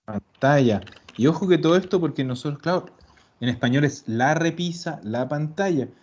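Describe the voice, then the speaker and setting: A man teaching an online language class, explaining patiently and slowing down to repeat example words. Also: a little high, animated, darkish tone. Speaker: Italian teacher. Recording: dull lo-fi recording.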